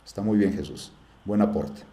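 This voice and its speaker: A man's voice: low voice, lively intonation, moderate pace, dark tone, roomy sound. Chatty man teaching. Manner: chatty, uses many fillers and checks with "¿ya?". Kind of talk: live class screen-share tutorial.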